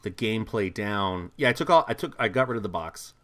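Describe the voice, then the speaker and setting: A man in casual chat while playing a game with his brother, joking and talking quickly. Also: fairly low pitch, animated, fairly bright tone. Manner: joking, quick, breaks into laughs.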